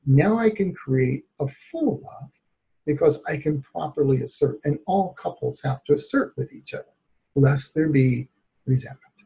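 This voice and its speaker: A man, a therapist by trade, tells a personal story as a guest in an interview. His voice sits a bit high with a gravelly fry running through it, and he keeps the telling lively with frequent laughs. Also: unhurried. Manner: animated, laughs often while telling stories.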